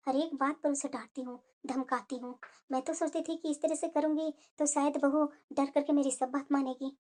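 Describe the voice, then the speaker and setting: A woman voicing a stingy cartoon mother-in-law who is remorseful and tender with her daughter-in-law. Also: extremely high pitch. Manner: musing, then remorseful and tender. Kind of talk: cartoon voice acting.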